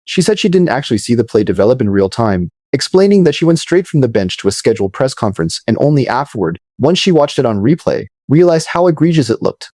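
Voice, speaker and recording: A man narrating scripted video commentary in a measured, dramatic storytelling manner. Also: mid-range voice, very animated, a little mellow, no echo, studio quality.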